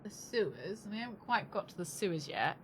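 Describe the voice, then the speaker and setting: Streaming a game, a woman chats casually and thinks aloud, tossing in wry, joking asides as live commentary. Her medium-pitched voice is very animated, brisk and a bit bright, with slight background noise.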